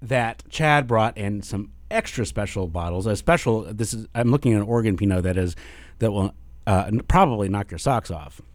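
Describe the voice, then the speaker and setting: A man's voice: fairly low pitch, animated, moderate pace, no room sound. A man hosting a radio talk show in a studio, enthusiastically introducing his guest and asking him questions.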